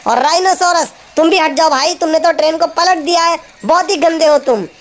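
A woman hosting a children's toy video, narrating toy play in an animated way, scolding and cooing at the toys. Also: extremely high pitch, brisk. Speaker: toy channel host.

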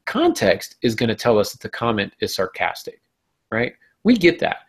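A man's voice: lowish voice, wildly swooping pitch, moderate pace, breathy edge. A man hosting a podcast, explaining writing craft in a casual, wry way. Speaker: podcast host.

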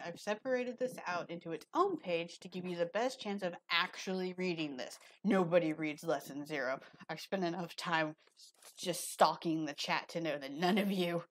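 Low-voiced woman streamer reading a lesson. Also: a little hiss or hum, low-quality recording. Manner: chatty, rambling asides between reading. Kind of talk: casual live-stream reading with asides.

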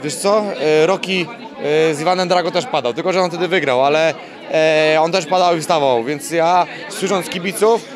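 A man's voice: fairly high pitch, moderate pace. A young man, a fighter being interviewed after a weigh-in, talking bluntly with swearing and repeating himself. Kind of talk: casual post-weigh-in interview. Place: busy event press wall, indoors. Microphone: handheld mic held by interviewer. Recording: loud crowd chatter behind.

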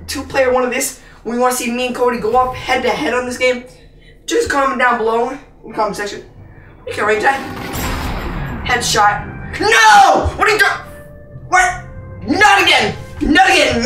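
A woman's voice: on the high side, a bit bright, roomy sound, far from the mic. A woman hosting a gaming channel, giving playful, rambling commentary on a VR game and playing announcer for herself.

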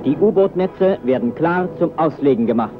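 A man narrating an old newsreel in a crisp, formal 1940s announcing style. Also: a little high, expressive, brisk. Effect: old newsreel soundtrack. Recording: tinny narrow-band archival newsreel audio with faint music.

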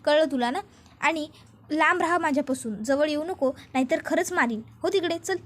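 Brief: stubborn young hero, a woman storyteller doing him, insistent, plain high voice. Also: normal speed, close to an everyday voice. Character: stubborn young man, proud, defending his mother.

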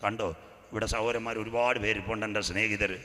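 A male pastor preaching a sermon, telling a story with comic asides and building to loud, fervent calls. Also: lowish voice, level tone, brisk, in a large hall. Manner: storytelling with comic asides, often calling "praise the Lord".

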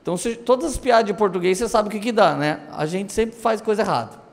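A male pastor delivering a sermon through lively, humorous storytelling. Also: sits high, fast talker, long reverb tail. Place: church auditorium.

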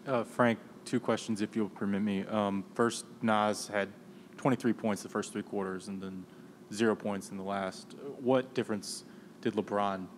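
A man's voice: lowish voice, fairly even intonation, moderate pace, slight background noise. A man reporter at a press conference, asking questions politely and formally.

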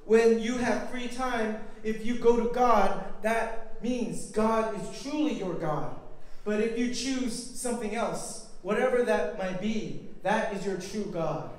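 High-pitched guy preaching, echoey hall, mic kinda far away. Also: slow. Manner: leads chants, half-sings key words. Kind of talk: lively call-and-response preaching.

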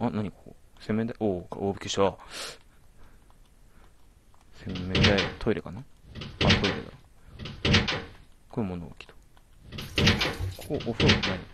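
A man's voice: sits low, very noisy. A man commentating a horror game as he plays, jumpy, alternately exclaiming and muttering to himself. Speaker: let's play commentator.

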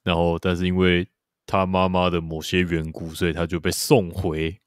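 A man's voice: deep voice, level tone, moderate pace, clean tone, dry recording, clean studio sound. A man co-hosting a podcast, chatting casually about a TV series with lots of fillers and repeated agreement. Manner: loose, rambling, many fillers and repeated agreement. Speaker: podcast co-host.

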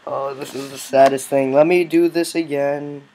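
A man's voice: medium pitch, fairly even intonation, moderate pace, dark tone, slight background noise. A male gaming host giving casual commentary on a game with friends, teasing and bossy, often breaking into laughs.

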